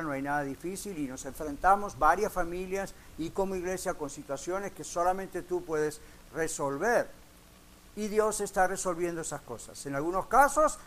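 A man's voice: a little high, slight background noise. A man preaching as pastor, telling stories with acted quotes. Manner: lively storytelling with acted quotes. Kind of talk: sermon.

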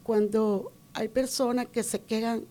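A woman's voice: on the high side, fairly even intonation, a little slow, mellow. A woman from Venezuela, telling her personal faith story in an interview, earnest and full of quoted conversations. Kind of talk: personal testimony.

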